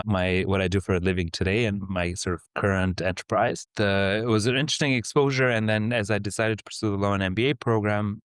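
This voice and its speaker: A man in his forties from Albania, giving measured, explanatory interview answers as a company executive. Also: fairly low pitch, clear, resonant tone, dry recording, clean studio sound. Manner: measured, explanatory, with small restarts.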